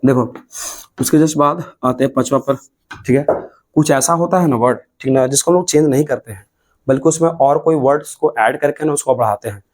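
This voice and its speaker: A man's voice: mid-range voice, a little fast, darkish tone. Bihari Hindi-accented male teacher, mid-range voice, drills grammar rules at a classroom board. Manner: repetitive, drills points, stretches words syllable by syllable.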